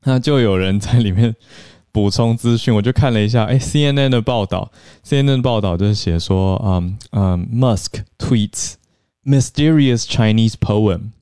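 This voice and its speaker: A podcast host talks through the news in a chatty, explaining way, with plenty of fillers. His voice sits a little low and comes across smooth and clear. The sound is dry and close to the mic, with no room echo. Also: fairly quick, dark tone. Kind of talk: casual news and English-learning podcast talk.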